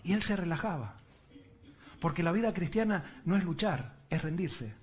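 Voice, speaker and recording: A man's voice: high voice, normal speed. A man preaching a sermon as pastor, telling stories and posing rhetorical questions to the congregation. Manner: animated storytelling with rhetorical questions.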